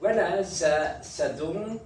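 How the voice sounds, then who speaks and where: Slow, careful male teacher in an echoey room. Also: high-pitched, darkish tone. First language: Spanish. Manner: slow, careful, repeats each word for pronunciation. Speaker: Spanish teacher. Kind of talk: language lesson. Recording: very echoey room, somewhat far from the mic, faint noise.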